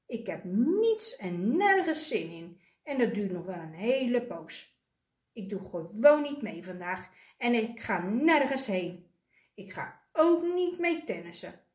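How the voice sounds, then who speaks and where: A woman voicing a grumpy young male penguin who refuses to join in, speaking in a stubborn, drawn-out way. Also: a little high, a little mellow, roomy sound.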